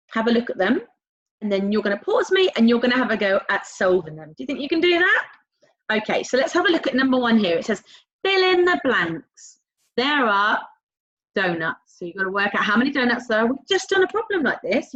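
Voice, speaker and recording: A woman teaching a recorded primary school maths lesson, talking directly to young pupils in an encouraging, sing-song way with drawn-out key words and prompting questions. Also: a little high, very animated, fairly bright tone. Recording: dull, lo-fi sound.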